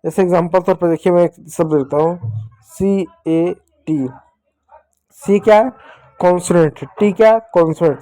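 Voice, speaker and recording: A man's voice: sits high, darkish tone, clear, resonant tone, no echo. A young man teaching children English phonics, asking questions and answering them himself and repeating key points. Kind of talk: classroom-style phonics lesson.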